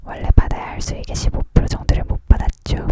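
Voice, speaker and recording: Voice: fast, lightly acted. A reader voicing a plump, complaining little fairy chief in a whispered role-play of a storybook, whining and aggrieved. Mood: matter-of-fact.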